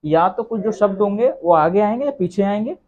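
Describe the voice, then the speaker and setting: A man's voice: high voice, a little fast, a little mellow, highs cut off. A man teaching English grammar in a classroom lecture, explaining step by step and asking the class questions, with an Indian accent.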